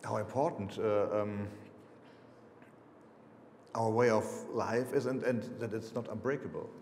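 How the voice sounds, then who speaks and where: Answering audience questions about his books, a German-accented man in his fifties, a native German speaker, sounds hesitant and leans on fillers and restarts. His lowish voice is a little mellow, steady in tone and unhurried. He is seated on stage in a lecture hall, where the recording picks up a roomy echo and slight background noise.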